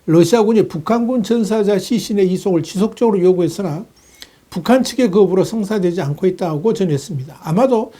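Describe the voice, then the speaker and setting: A man delivering a steady, measured news analysis, reading reports with the occasional filler. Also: high voice. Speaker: news commentator.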